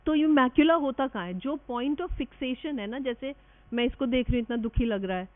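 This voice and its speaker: A woman's voice: high voice, animated, normal speed. A woman in her fifties with an Indian English accent, giving a medical classroom lecture in a chatty, teasing way and mixing Hindi with English. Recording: tinny phone-like recording.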